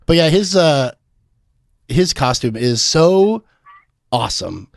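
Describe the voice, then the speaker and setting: A man's voice: fairly high pitch, sing-song, slow, gravelly, no echo, clean studio sound. Chatty rambling man on a podcast. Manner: rambling, filler-heavy, laughs often. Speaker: podcast host. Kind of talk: casual movie chat.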